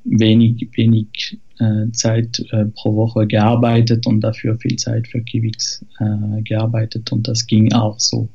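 A man with a French accent speaks as a podcast guest, hesitating often and restarting his sentences. His voice is dark and mellow. The audio is slightly dull and lo-fi. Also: on the low side, completely flat delivery, takes it slowly, hardly any pauses, husky. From France. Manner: hesitant, many fillers and restarts. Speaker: guest, software developer. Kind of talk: casual podcast interview.

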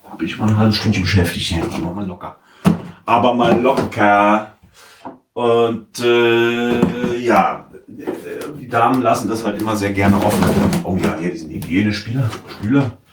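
A man's voice: fairly low pitch, normal speed. A man chatting casually while playing a game, rambling, muttering to himself and swearing now and then. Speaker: let's play commentator. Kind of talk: casual gameplay commentary. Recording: roomy, distant mic, noisy background.

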